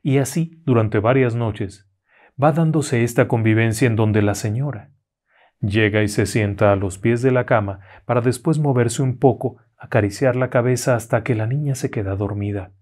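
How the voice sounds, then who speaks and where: A man narrating a horror story, slow and hushed in calm parts and rising sharply in pitch at frightening moments.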